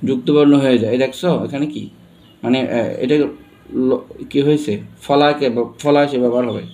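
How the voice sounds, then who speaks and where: A man's voice: medium pitch, steady tone, a little fast, dark tone. A man with a Bangladeshi accent teaching a pronunciation lesson. He spells words out letter by letter and keeps asking his students questions. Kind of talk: classroom lesson.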